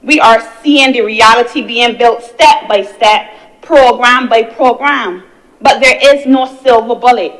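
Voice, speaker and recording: Young woman, senator, parliamentary speech, rhetorical repetition, fairly high voice. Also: a little slow, fairly bright tone, rough recording. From Barbados. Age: young adult. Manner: earnest, rhetorical, builds on repeated phrases. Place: senate chamber.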